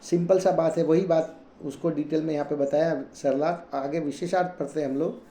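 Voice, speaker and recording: Verses are chanted slowly by this Jain teacher, who follows each with a plain, conversational explanation in Hindi. A faint hum and echoey room surround his mellow, relaxed, fairly high voice.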